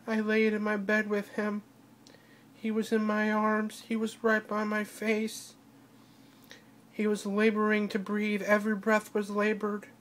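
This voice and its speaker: A woman crying as she speaks in a personal video diary, halting and breaking off to restart her sentences. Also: mid-range voice, completely flat delivery, a little hiss or hum. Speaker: vlogger.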